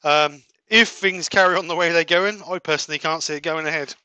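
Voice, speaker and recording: A man's voice: on the high side, steady tone, a little fast, bright, forceful tone, smooth, no room sound. A man hosting a casual woodturning livestream from his workshop, chatting and laughing easily while he works at a lathe. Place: home workshop at a wood lathe.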